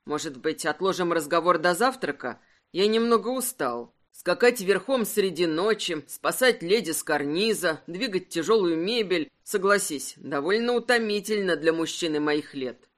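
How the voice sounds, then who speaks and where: A woman acting out a self-assured aristocratic earl from a romance audiobook, speaking low and unhurried with a wry, teasing edge. His lively delivery keeps every line measured and controlled. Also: lightly acted.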